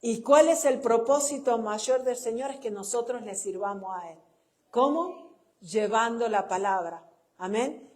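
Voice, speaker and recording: A middle-aged woman with a Chilean Spanish accent, a church speaker married to a pastor, tells personal stories in a relaxed sermon. Her pitch is fairly high and her tone darkish, and she frequently ends sentences with "¿no?" while laughing at her own anecdotes.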